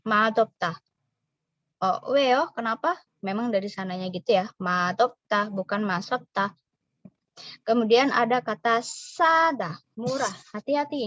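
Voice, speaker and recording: A woman teaching a recorded language lesson, slowly and patiently explaining pronunciation and repeating example words. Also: medium pitch, fairly bright tone, no room sound. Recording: dry, slightly dull voice recording.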